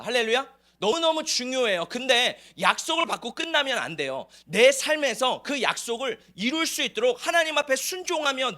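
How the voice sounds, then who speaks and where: A man's voice: very high voice, pushed and bright. A man preaching a sermon to his church, asking the congregation rhetorical questions. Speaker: pastor. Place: church sanctuary.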